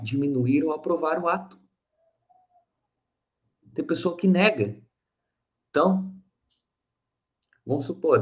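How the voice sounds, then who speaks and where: A man giving a spiritist teaching talk in a conversational way, acting out little dialogues with a listener. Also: medium pitch. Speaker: spiritist lecturer.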